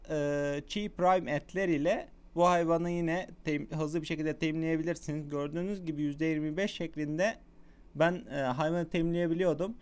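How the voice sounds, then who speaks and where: Young man, gameplay commentary, chatty and excitable, smooth clear voice. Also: fairly high pitch. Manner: excitable, shouts at the game, chatty with viewers. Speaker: gaming YouTuber.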